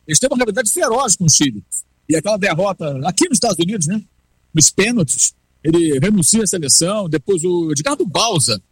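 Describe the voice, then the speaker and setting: A man's voice: sits high, slightly rough, no echo. A man giving emphatic, opinionated football commentary on a panel. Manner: emphatic, opinionated, rapid-fire.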